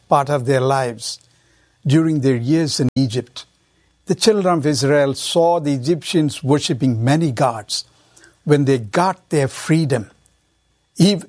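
A man hosting a religious radio program, reading a scripted opening and then interviewing guests in a measured, formal way. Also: medium pitch.

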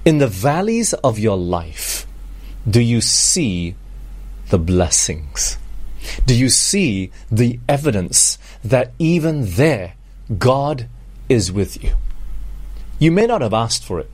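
A middle-aged man from Malaysia preaching a sermon, earnest, slowing down on scripture and asking the congregation rhetorical questions. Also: medium pitch, big pitch swings, darkish tone, slightly rough. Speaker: pastor.

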